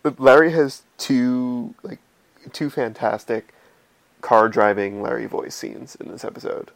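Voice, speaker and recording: A man with a gravelly, fry-tinged voice chats about a TV episode. He makes dry, wry remarks at an easy conversational pace. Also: medium pitch, unhurried. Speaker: podcast co-host. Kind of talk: casual TV recap chat.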